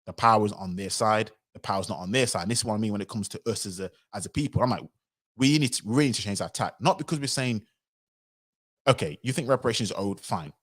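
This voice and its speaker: Fast-talking man on a livestream. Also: lowish voice. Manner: animated, acts out quoted voices. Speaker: livestream commentator. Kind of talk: livestream commentary.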